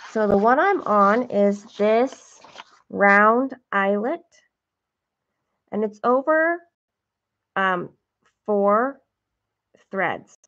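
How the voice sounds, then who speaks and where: Host of a stitching livestream: a woman with a slow, gravelly voice who chats warmly with viewers; dull lo-fi sound. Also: medium pitch, expressive. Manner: chatty, self-deprecating, talks to viewers while counting stitches. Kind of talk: casual stitching livestream chat.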